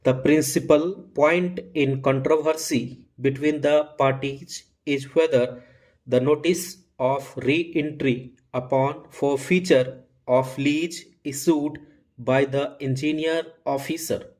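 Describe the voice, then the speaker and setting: A man reading formal text aloud as shorthand dictation, in short, deliberate phrases with regular breaks. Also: medium pitch, steady tone, darkish tone. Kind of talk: dictating a legal passage at a measured 95 words per minute.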